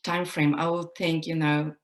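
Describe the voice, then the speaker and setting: A woman's voice: low-pitched, flat delivery, normal speed. A woman from Poland, a personal development coach, talking reflectively in an interview with many "you know" fillers. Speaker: guest coach. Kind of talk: casual interview talk.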